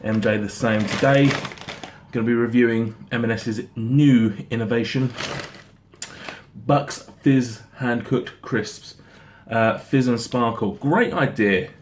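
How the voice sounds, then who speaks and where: Rambling man reviewing snacks, noisy background. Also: mid-range voice. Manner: halting, rambling, repeats himself. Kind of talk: casual product review chat. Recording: noticeable background noise.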